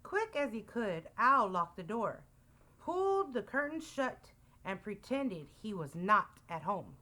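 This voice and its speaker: A woman librarian reading a picture book aloud in an expressive storytime manner, with a light Texan accent. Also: mid-range voice, a little slow. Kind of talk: storytime read-aloud with character voices.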